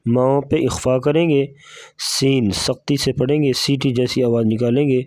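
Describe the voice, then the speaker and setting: A man teaching Quran recitation, explaining pronunciation rules step by step in a brisk, methodical way. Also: mid-range voice, fairly even intonation, a little mellow, no room sound, clean studio sound.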